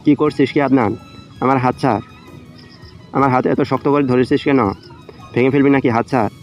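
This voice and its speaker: A man's voice: mid-range voice, steady tone, moderate pace, darkish tone, close to an everyday voice. A man voicing a scheming young woman, indignant and pleading, in a romantic audio story. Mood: indignant, pained. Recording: dull lo-fi audio under music.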